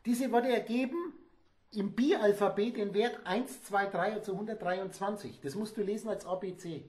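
A man's voice: sits high, normal speed, a little mellow. A man giving a spontaneous, rambling lecture to a small audience, emphatic and digressive. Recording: echoey room.

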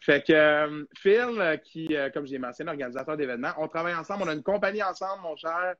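A man's voice: on the high side, fast talker, muffled recording, a crowd in the background. A young man with a Québécois French accent hosting a casual live podcast, chatty and rambling with lots of fillers. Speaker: podcast host.

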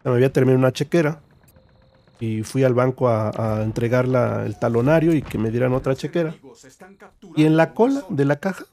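Mexican man, storytime vlogger; rambling slangy delivery, raspy fry. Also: medium pitch, a little fast, warm tone. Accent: Mexican Spanish. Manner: slangy, casual, swearing, rambling. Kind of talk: storytime vlog narration.

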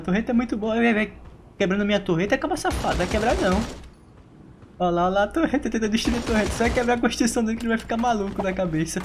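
A man's voice: high voice, a little hiss or hum. Teasing man commenting a shooter game. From Brazil. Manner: chatty, teasing, laughs often. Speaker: gaming YouTuber. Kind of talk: live gameplay commentary.

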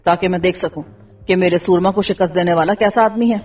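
A woman's voice: lowish voice, fairly even intonation, darkish tone, breathy edge, pitched below the performer's own voice. A woman voicing an imperious tyrant ruler. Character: arrogant male tyrant ruler, cold and commanding. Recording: dull distant recording with faint music.

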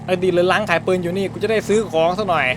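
High-voiced joking man gaming. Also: steady tone, racing, noisy background. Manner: crude, joking, heavy swearing; dubs game dialogue in his own voice. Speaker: gaming YouTuber. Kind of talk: let's-play commentary.

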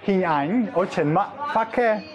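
A man with a foreign accent chatting casually in halting, broken Vietnamese, searching for and repeating words. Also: high-pitched, animated. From outside Vietnam, a foreigner. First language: not Vietnamese. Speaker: vlogger. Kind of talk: casual chat with strangers. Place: inside a restaurant. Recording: busy eatery chatter around the voice. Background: crowd chatter.

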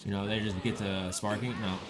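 A man giving casual commentary over his gameplay, chatty and growing loud and exasperated in fights. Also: lowish voice, flat delivery, fairly quick, noisy background. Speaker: gaming YouTuber.

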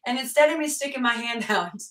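A woman, a country singer and fiddler, telling stories as a guest in a lively interview, acting out quotes with loud bursts. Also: fairly high pitch, quick pace, roomy sound, far from the mic, rough recording. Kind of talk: storytelling interview chat.

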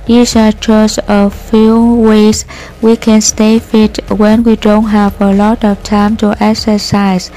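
Slow, careful woman reading a textbook. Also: medium pitch, monotone, warm tone, poor audio. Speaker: reader of listening practice texts. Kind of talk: reading textbook passages aloud.

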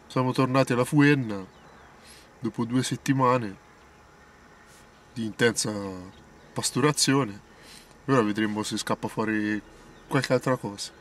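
A man's voice: mid-range voice, fairly even intonation, measured pace, pauses often, slight background noise. Young man mock-greeting his viewers. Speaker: fishing vlogger.

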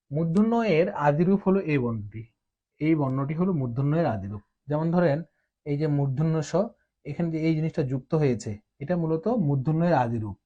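A man teaching a class, explaining step by step with patient pauses and hesitations. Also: fairly high pitch, dark tone. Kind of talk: explaining at a board. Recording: dull lo-fi recording.

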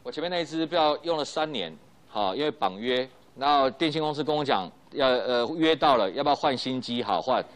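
In a recorded high school physics lecture, a middle-aged man with a Taiwanese Mandarin accent talks a little fast with lively intonation. He keeps it conversational, adding small fillers to his lines and repeating the key points.

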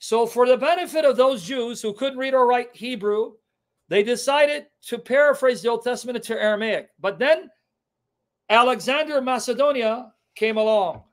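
Speaking at normal speed in a very high voice, this online apologetics teacher streams live from his home kitchen to a webcam. He is middle-aged, a native Syriac speaker, and he hammers key terms through repetition and emphasis.

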